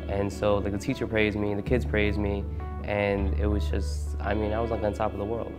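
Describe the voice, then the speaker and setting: Man, 20s, from Brooklyn. Low, monotone, reflective, guitar under. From Brooklyn, New York. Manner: reflective, halting restarts. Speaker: former student interviewee. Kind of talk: documentary interview.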